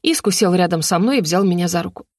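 A woman reading a first-person storybook narration in a lively, expressive way. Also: lowish voice, fast, no echo, clean studio sound. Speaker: audiobook reader.

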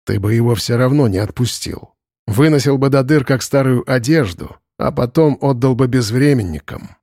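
A man voicing a grim, weary border guard who speaks low and hushed, in an audiobook. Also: expressive, moderate pace, dry recording, clean studio sound.

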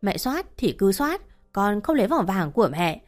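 A woman's voice: medium pitch, big pitch swings, moderate pace, natural voice. A woman voicing a wronged young wife who answers her accusers in firm, cold retorts, over faint music. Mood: cold defiant.

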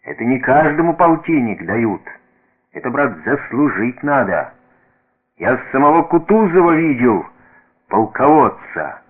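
A man voicing a proud, dying old veteran soldier who shouts and boasts in a radio reading. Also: mid-range voice, big pitch swings, a little slow, pitched above the performer's own voice. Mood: rousing. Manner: shouting, boastful, breaking into coughs. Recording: tinny radio broadcast.

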